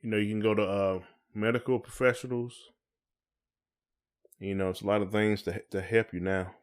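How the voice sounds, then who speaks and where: With a smooth, lowish voice, flat delivery and a moderate pace, an American man hosts a podcast conversation. His talk is casual and colloquial, peppered with "you know" as he checks in.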